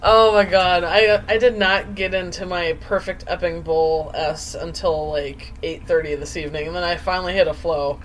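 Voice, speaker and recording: A woman's voice: fairly low pitch, fairly even intonation, moderate pace, hardly any pauses, low-quality recording. A woman co-hosting a podcast in casual, chatty conversation. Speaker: podcast co-host and bartender. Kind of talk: casual chat. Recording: clear background noise.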